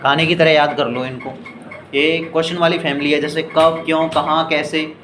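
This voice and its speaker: A man's voice: on the high side, little pitch movement. An Indian man teaching spoken English in Hindi, explaining step by step and often asking whether his students understood. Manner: explains slowly, asks "clear?" and "ठीक है" often; reads English examples very slowly and deliberately. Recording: echoey room with noisy background.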